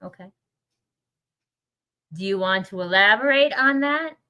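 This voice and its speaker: A woman's voice: medium pitch, lively intonation, measured pace, sharp tone, clear, resonant tone. Informal, coaxing woman podcast host. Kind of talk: casual group conversation, asking questions.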